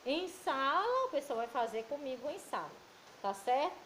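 A woman with a Brazilian Portuguese accent, a primary school teacher giving a recorded remote lesson to children, affectionate and patient, reading word lists slowly. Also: high-pitched, big pitch swings, a bit bright, slight background noise, rough recording.

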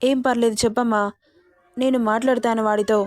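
A woman voicing a kindly elderly grandfather who gently coaxes on the phone in an audio story. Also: fairly high pitch, level tone, fairly quick, no room sound, studio quality, close to an everyday voice. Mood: concerned. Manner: gentle, coaxing.

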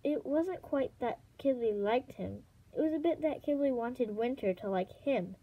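A woman reading a children's fantasy novel aloud as an amateur audiobook, in a steady storytelling manner. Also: on the high side, moderate pace, phone-quality sound. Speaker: audiobook reader.

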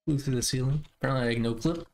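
A man chatting casually while playing a multiplayer game, relaxed and bantering. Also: mid-range voice, fast. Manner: laid-back banter, laughs a lot. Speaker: gamer. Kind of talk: casual multiplayer gameplay chat.

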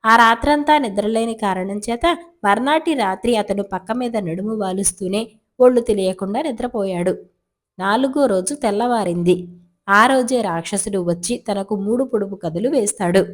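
A woman storyteller reading folk tales aloud at a steady, even pace. Her delivery is scripted and calm, like a read-along storybook. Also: medium pitch, moderate pace.

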